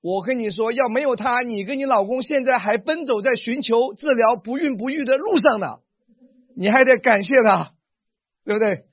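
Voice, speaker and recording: A man preaching a sermon as pastor, animated and acting out the lines he quotes. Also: very high voice, normal speed, husky, no room sound, lo-fi sound.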